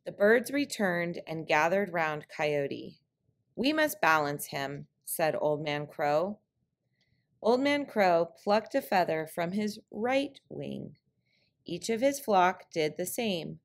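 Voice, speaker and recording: Very slow woman storyteller, lowish voice. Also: animated. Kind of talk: picture-book read-aloud of a trickster tale, scripted narration.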